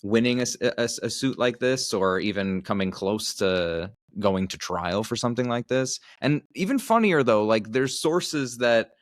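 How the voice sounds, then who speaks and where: A man's voice: mid-range voice, animated, normal speed, few pauses, no room sound, clean studio sound. A man co-hosting a podcast who speaks hesitantly, repeating words as he works toward a question. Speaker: podcast co-host. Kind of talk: casual chat.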